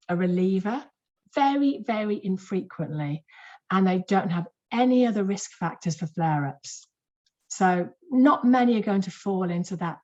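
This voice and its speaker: A woman, a clinician, giving a lively and emphatic webinar lecture to health professionals in a conversational way, repeating words for stress. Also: lowish voice. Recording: muffled lo-fi webinar audio.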